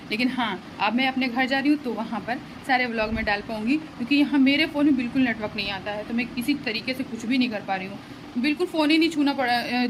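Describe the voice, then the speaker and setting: A young woman chatting casually to viewers in a home vlog while getting ready and packing. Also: a little high. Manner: chatty, pleading and laughing with family. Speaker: vlogger. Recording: phone recording with noisy background.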